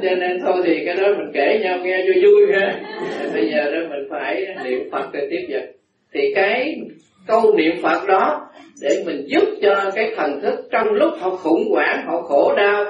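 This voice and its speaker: A man, a Buddhist monk giving a dharma talk, telling folksy anecdotes and acting out voices with laughter. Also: high-pitched. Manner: folksy storytelling, acts out voices, frequent laughter. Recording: echoey, distant, muffled hall recording.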